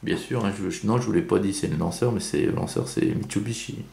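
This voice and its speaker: A man's voice: on the low side, fairly quick, gravelly, a little mellow, echoey room, slight background noise. A man giving casual unboxing commentary on toy cars, chatty, with many fillers and self-corrections.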